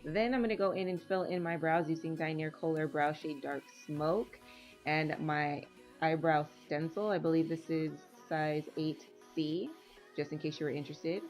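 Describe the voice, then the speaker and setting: A woman's voice: sits low, moderate pace, faint music behind. Nasal woman narrating a makeup tutorial. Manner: chatty, relaxed step-by-step narration. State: stuffy from allergies. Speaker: makeup vlogger. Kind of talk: casual tutorial voice-over.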